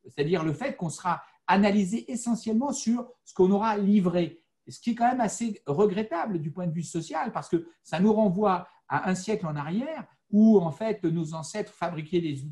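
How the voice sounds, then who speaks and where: A man from the Vosges talks through his point on a panel discussion. His voice sits high for a man, and he explains in a measured, deliberate way, often pausing on fillers. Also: darkish tone. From France, Vosges. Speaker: panel speaker.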